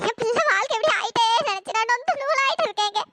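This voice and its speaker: A voice actor playing a middle-aged mother in a cartoon story who wails and curses, in a high pitch-shifted voice. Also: fast, pushed and bright. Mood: lamenting. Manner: wailing, cursing.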